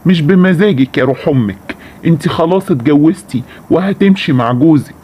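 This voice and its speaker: A man's voice: on the high side, a little fast, a little mellow, slight background noise, natural voice. An actor playing a cruel, bossy middle-aged father who insults his daughters, speaking with an Egyptian accent in a radio-style story. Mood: harsh.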